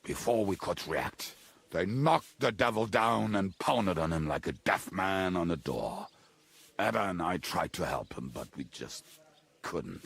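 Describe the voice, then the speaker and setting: Casting: blackout-drunk medieval henchman in a game, gravelly and bitter, with big swings in pitch. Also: expressive, unhurried, fairly bright tone, full character voice. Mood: bitter, defensive. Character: drunken, gruff, bitter male robber and henchman. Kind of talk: video game dialogue acting.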